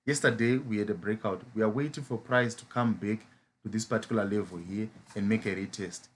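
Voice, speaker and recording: The voice is lowish and steady, a touch quick, with slight noise in the background. A Zimbabwean trading mentor with a Zimbabwean English accent covers chart patterns in a live session, repeatedly asking "as a what?"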